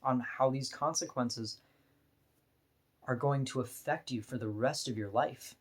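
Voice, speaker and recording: In a candid personal vlog, a deep-voiced woman speaks bluntly and frankly at an unhurried pace, laughing now and then between her points.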